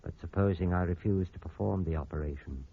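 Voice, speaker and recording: A man's voice: low-pitched, a little fast, narrow, tinny audio. An actor playing a cold, scheming male surgeon in a 1940s radio drama, heard over an old AM radio broadcast.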